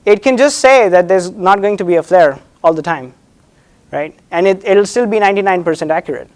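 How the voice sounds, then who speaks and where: Presenting his thesis defense, a doctoral candidate speaks in a halting, unsure way, repeating words and frequently asking "right?". His voice is high and a little mellow.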